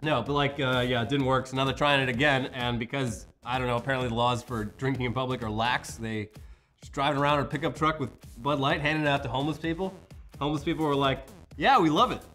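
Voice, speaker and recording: A man's voice: mid-range voice, fairly even intonation, a bit bright, faint music behind. A young man co-hosting a casual comedy news show, joking loosely about odd headlines. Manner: joking, loose, with quick voices for quotes. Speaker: co-host. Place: studio.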